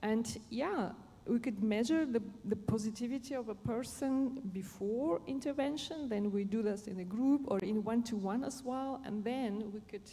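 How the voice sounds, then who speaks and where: Mellow woman from Germany, echoey hall. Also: a little high. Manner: halting, searching for words. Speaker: panel speaker on positive psychology. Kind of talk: unscripted panel explanation. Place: conference stage in a large hall. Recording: echoey hall, faint background noise.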